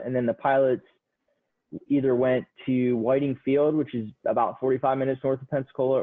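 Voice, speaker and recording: A man in his thirties, a Marine pilot guest, talking in a laid-back way with lots of fillers in a casual podcast interview. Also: mid-range voice. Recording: tinny phone-like line.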